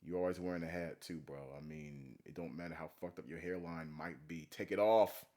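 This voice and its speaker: A man's voice: low voice, fairly even intonation, fairly quick, warm tone. A man giving casual, blunt, profane reaction commentary as he preaches about scripture. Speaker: commentary video host.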